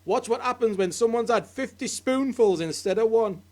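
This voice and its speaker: A woman voicing a gleeful, mischievous farmer husband who talks in a loud, smug, teasing way. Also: fairly high pitch, normal speed, voice pushed up, lightly acted.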